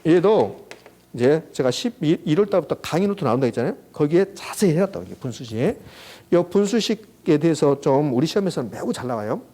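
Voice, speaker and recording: A man lecturing on an exam subject, walking students through a formula and quizzing them with quick rhetorical questions. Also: fairly high pitch, big pitch swings, warm tone. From South Korea. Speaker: real estate exam lecturer. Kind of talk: classroom lecture at a whiteboard.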